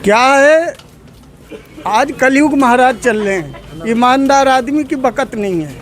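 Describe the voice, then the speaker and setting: A man's voice: very high voice, expressive, takes it slowly. A man being interviewed on the street, speaking with passion and emotion and calling the reporter "brother" again and again. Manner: emotional, addresses the reporter as "bhai sahab" over and over. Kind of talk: impassioned street opinion. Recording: loud crowd noise outdoors.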